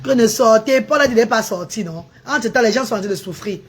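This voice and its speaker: A woman's voice: fairly high pitch, fast talker, slightly rough. A woman, ranting at commenters in a live stream, mocking and insulting them between updates about her charity restaurant. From Cameroon. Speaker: livestreamer running a charity restaurant. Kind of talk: live-stream rant and chat.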